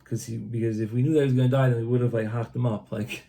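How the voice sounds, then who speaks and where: Male reader: deep, mellow and fried tone, informal retelling of a religious text, halting with frequent restarts. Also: steady tone, gravelly. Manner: translates as he reads, halting with restarts. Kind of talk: loose spoken retelling of a book. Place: Old City of Tzfat, Israel.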